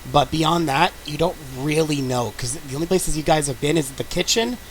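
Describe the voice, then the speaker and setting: A man's voice: a little high, moderate pace, a little hiss or hum, rough recording. A man as dungeon master in casual tabletop game talk, explaining loosely with fillers and restarts.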